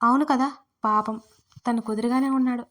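A woman's voice: a little high, steady tone, brisk, close to an everyday voice. A woman narrator voicing her heroine's inner voice, a young woman who mocks and scolds her in asides. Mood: mocking.

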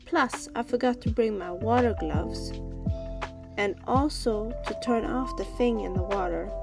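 A woman with a fairly high voice narrates her vlog in a plain, informal way. Music plays clearly behind her. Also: a little slow. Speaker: vlogger. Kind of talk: casual vlog voice-over.

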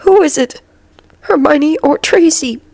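A woman voicing an injured, exhausted male professor in a story, speaking slowly and painfully with sighs. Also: sits high, mellow, no echo, voice pushed up, full character voice. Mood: weak, pained. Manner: slow, pained, sighing.

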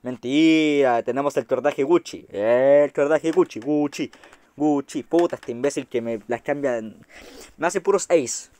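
A man with a Chilean Spanish accent giving excitable, chatty gameplay commentary to his viewers, swearing casually. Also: medium pitch, measured pace. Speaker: gaming YouTuber.

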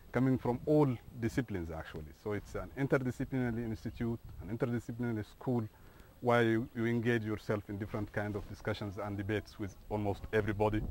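A man's voice: mid-range voice, slight background noise. A middle-aged man from Sudan, an assistant professor, answering interview questions in a hesitant way with many fillers and restarts.

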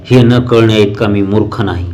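A furious, domineering young village man barks accusations in a low, heavy voice, voiced by a male reader. He lectures and threatens from a story being read aloud. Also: fairly even intonation, normal speed, close to an everyday voice. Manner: loud, accusing, stern.

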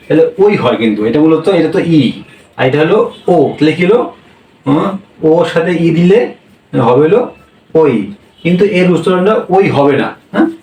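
A man's voice: high voice, a little mellow, roomy sound, far from the mic, low-quality recording. A man teaching a language class, drilling sounds with repeated questions. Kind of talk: classroom lesson.

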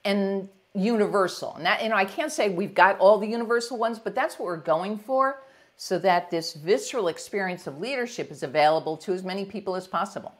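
A woman's voice: medium pitch, a little fast. A middle-aged American woman, a leadership coach, speaking energetically in a conversational podcast interview. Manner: energetic, acts out examples in varied voices.

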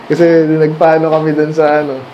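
A man's voice: a little high, completely flat delivery, normal speed, warm tone, highs cut off, slight background noise. A man from the Philippines preaching a sermon in a conversational style, firing rhetorical questions at the congregation and switching between Tagalog and English. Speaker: pastor. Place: church during a Sunday night service.

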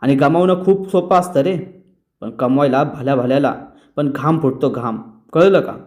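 A man's voice: mid-range voice, normal speed, darkish tone, close to an everyday voice. A man reading the lines of an angry young man lecturing his brother. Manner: accusing, lecturing.

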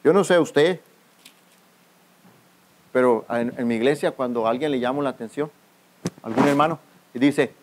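A man's voice: medium pitch, moderate pace, pauses often, background noise. A man, a pastor, preaching a youth camp sermon, often addressing listeners as brother and calling for their answers. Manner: calls out to the congregation for responses. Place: outdoor youth camp gathering.

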